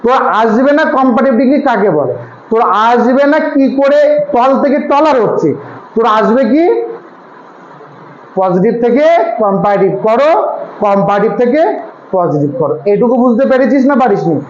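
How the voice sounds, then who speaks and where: A man's voice: very high voice, animated, normal speed, darkish tone. Guy teaching a grammar class, keeps quizzing students, echoey room, kinda dull lo-fi sound. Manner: asks students questions and answers them himself. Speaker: tutor.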